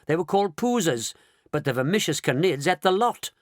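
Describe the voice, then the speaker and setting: A man voicing an eccentric, excitable male chocolate maker, speaking in a theatrical, exclamatory way. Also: fairly high pitch, brisk, no room sound, studio quality, voice pushed up, close to an everyday voice. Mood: explaining eagerly.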